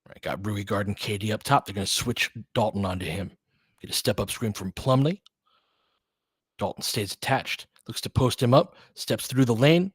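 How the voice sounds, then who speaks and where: Here a man's slightly rough voice sits on the low side and moves at a normal speed, recorded dry with studio quality. Cheering for one team, he delivers casual live basketball play-by-play and some analysis in short, slangy, chatty bursts.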